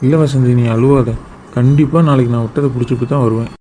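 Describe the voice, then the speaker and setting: A man's voice: medium pitch, steady tone, fast talker, dark tone, slight background noise, close to an everyday voice, rough recording. A man voicing a sheepish gambling husband. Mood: coaxing. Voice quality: defensive, excuse-making manner. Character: sheepish village husband who gambles away wages. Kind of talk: cartoon drama voice acting.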